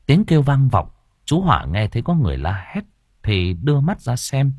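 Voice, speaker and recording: A man narrating a dramatic story as an audiobook reader, expressive and swinging in pitch. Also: moderate pace, husky, no room sound, studio quality.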